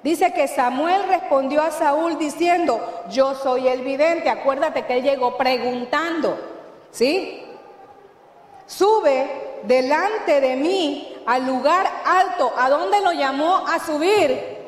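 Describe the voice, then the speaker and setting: A woman's voice: high voice, slow. A woman pastor with a Mexican Spanish accent, preaching a sermon and often asking the congregation questions. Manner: emphatic preaching with call-and-response questions. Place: church hall. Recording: echoey church hall, long reverb.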